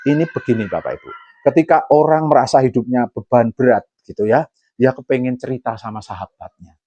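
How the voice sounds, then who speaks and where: Javanese pastor guy giving a sermon, jokey and animated, dry close sound. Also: medium pitch, dry recording. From Central Java, Indonesia. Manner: lively preaching, mixing in Javanese asides and jokes.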